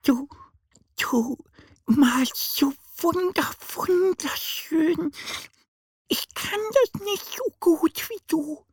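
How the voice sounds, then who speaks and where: A man voicing a small, shy female duckling in a children's audio story, high and breathy, hesitating over her words. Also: very animated, takes it slowly, no room sound, clean studio sound, exaggerated voice.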